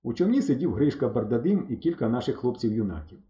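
Dark-voiced man reading a story. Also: medium pitch, quick pace. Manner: lively, storytelling lilt. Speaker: audiobook narrator. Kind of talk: expressive first-person story reading. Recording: roomy, slightly dull recording.

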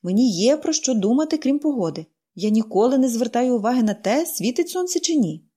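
Brief: annoyed gruff stranger, clipped mumbling lines, voiced by a female reader. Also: fairly high pitch, lively intonation, brisk, warm tone, voice pushed up. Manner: curt, annoyed, muttering. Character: gruff brooding male stranger.

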